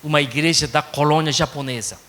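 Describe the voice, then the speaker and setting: A man's voice: a little high, fairly even intonation, brisk, sharp tone, in a large hall. A man from Japan with a Japanese accent preaching a sermon in a conversational way, often adding little tag questions. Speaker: pastor. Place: church sanctuary.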